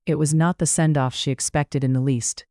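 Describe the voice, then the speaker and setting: A narrator reading a romance novel aloud in a measured, steady way. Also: medium pitch, no room sound, clean studio sound. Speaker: audiobook narrator.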